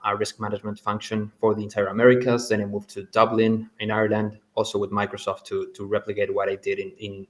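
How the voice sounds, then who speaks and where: A middle-aged man from Argentina introducing himself on a webinar panel, hesitant, with many ums and repeated words. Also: fairly low pitch. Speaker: panelist, compliance director.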